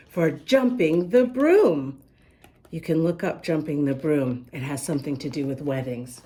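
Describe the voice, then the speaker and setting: This storytime host, a woman with a fairly low-pitched voice, reads a picture book to young children. Expressive throughout, she regularly speaks to them directly and asks questions.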